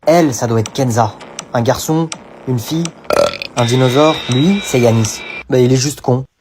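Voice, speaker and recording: A man narrating a comedy sketch, introducing characters in a brisk, deadpan way. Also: mid-range voice, background noise.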